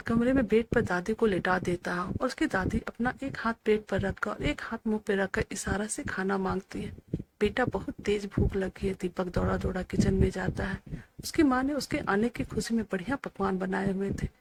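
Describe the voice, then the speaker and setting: A woman narrating a scripted, emotional family story in a steady reading voice. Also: mid-range voice, normal speed, noisy background.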